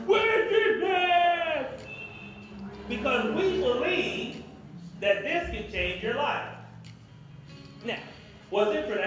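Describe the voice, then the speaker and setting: A man's voice: sits high, a bit bright, slight background noise. A man in his fifties preaching a sermon as pastor, emphatic and repetitive, heard from a distance in an echoey room. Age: 50s.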